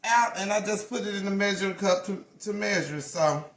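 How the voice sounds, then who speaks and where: Speaking fairly quickly in a mid-range voice, a woman in her forties who runs a craft channel walks viewers through a hands-on project. She's chatty and folksy, frequently fixing her wording mid-sentence, and the room echoes noticeably.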